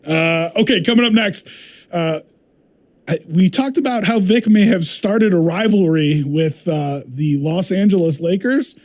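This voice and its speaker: Male sports radio host, higher voice, casual and teasing. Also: unhurried, darkish tone. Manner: laughs easily, teasing.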